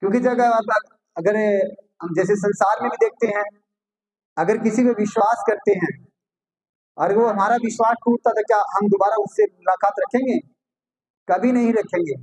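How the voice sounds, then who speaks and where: A man with a notably high voice preaches a sermon. He reads scripture passages aloud, then unpacks them for his listeners, repeatedly posing rhetorical questions and answering them himself. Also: normal speed, pauses often, darkish tone, breathy edge, low-quality recording.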